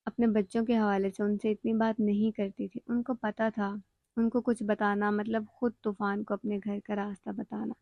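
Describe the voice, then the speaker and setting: A woman narrating a novel aloud in a steady, scripted reading. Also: medium pitch, no room sound, highs cut off.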